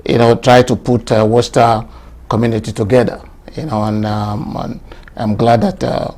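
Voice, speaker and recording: A man's voice: mid-range voice, normal speed. A middle-aged man from Nigeria, a lawyer, being interviewed, talking easily with many fillers. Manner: relaxed, many fillers like "you know" and "um".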